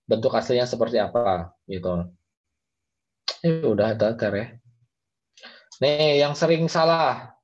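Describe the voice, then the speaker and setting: A man's voice: fairly high pitch, a little mellow. A man, teaching Quran recitation in an online class, patiently explaining and modeling the readings aloud. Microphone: video call. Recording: dull lo-fi video call audio.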